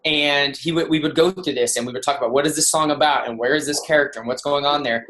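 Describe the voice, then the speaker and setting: A man giving a motivational talk on a team kickoff call. He tells conversational stories, with frequent restarts and lively quoted voices. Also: on the high side, fast, a little hiss or hum. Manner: conversational, with restarts and animated quoting. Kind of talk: motivational storytelling.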